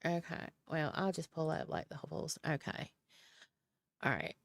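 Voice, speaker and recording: A woman's voice: low voice, very animated, moderate pace, vocal fry, no room sound. A woman with a Southern US accent chatting casually on a live stream, rambling and self-deprecating. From American South. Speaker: streamer host.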